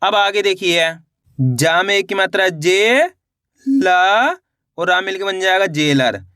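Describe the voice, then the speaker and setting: A man teaching Hindi reading in an online lesson, spelling out syllables slowly and patiently and asking viewers to repeat. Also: sits high, expressive, sharp tone, dry recording, clean studio sound.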